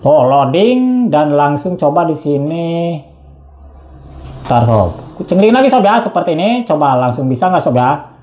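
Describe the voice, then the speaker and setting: A man's voice: a little high, sing-song, measured pace, darkish tone, roomy sound. A man narrating a casual tech tutorial, chatty and slangy, constantly addressing viewers.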